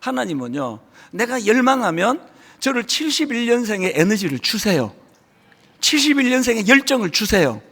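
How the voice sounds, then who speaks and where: A Korean pastor in his sixties delivering a sermon, emphatic, with loud stressed lines and sudden hushed drops. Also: sits high, very animated, normal speed, vocal fry. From South Korea. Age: 60s. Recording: reverberant hall.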